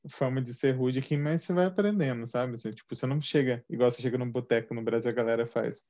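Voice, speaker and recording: A Brazilian man chatting in a relaxed, rambling way with many fillers. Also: mid-range voice, racing, lo-fi sound. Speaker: Brazilian living in Canada, sharing experiences. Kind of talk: casual chat.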